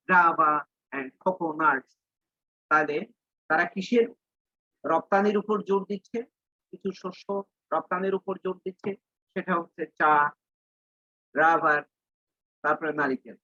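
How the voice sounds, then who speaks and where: Male teacher, patient and explanatory, bright tone over a dull lo-fi line. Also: high voice, no echo. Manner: reads English slowly, then explains in Bengali. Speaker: English teacher. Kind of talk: online class lesson.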